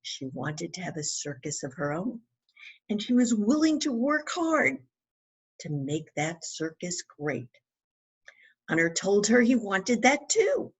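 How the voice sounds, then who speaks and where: Slow and breathy, her mid-range voice swings widely in pitch as she reads her children's book aloud. The author delivers it with expressive emphasis and keeps asking questions of the young audience.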